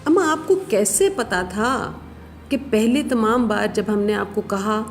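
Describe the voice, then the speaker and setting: A woman's voice: fairly high pitch, animated, a little hiss or hum. A woman voicing young bird chicks who anxiously plead with their mother. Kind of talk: storybook character voice.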